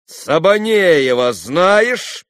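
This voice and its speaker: A man's voice: medium pitch, big pitch swings, measured pace, dry recording, clean studio sound, pitched above the performer's own voice. A man voicing a cocky, clever schoolboy who teases and questions people sternly, in a storybook reading.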